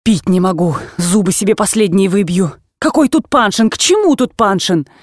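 A woman voicing an agitated, blunt old aunt in an audiobook, with sharp exclamations that jump from low mutters to high cries. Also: animated, normal speed, no room sound, studio quality, lightly acted. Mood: scolding. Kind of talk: audiobook character reading.

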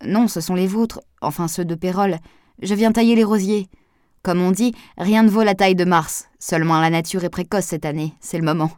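A woman's voice: lowish voice, normal speed, darkish tone, no echo, clean studio sound, natural voice. A woman reading an audiobook, voicing a jovial, sly male gardener in a breezy manner.

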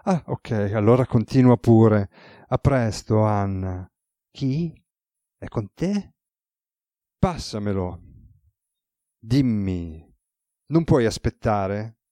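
A man voicing a weary, ironic male god with a relaxed, teasing manner, as read in an audiobook. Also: on the low side, slow pace, long pauses, no room sound, clean studio sound. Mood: amused.

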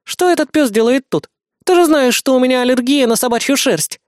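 A man's voice: very high-pitched, animated, a little fast, dry recording, clean studio sound, pitched above the performer's own voice. A man voicing a spoiled, capricious young female devil-elf in an audiobook, with a whiny, squealing, bossy manner.

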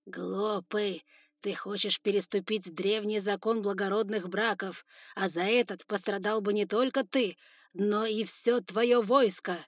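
Brief: woman doing a cruel male spider overlord, loud, raised, contemptuous, dry close read. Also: medium pitch, steady tone, a little slow, no room sound. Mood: scornful. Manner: shouting orders, harsh and contemptuous. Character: furious older male spider lord, cruel ruler. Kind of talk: audiobook character voice.

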